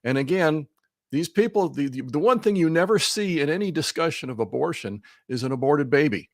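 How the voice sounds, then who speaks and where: A man's voice: fairly high pitch, expressive, fairly quick, no echo, clean studio sound. A man speaking as a remote guest over a video call, giving heated, emphatic political commentary and often repeating words. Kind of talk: talk show commentary. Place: Missouri.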